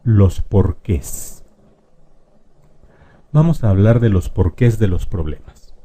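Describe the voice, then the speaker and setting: Patient male teacher, dark voice. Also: on the low side, expressive. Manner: patient, addresses the viewer directly, stretches example words slowly. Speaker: language teacher. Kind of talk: explanatory lesson on spelling.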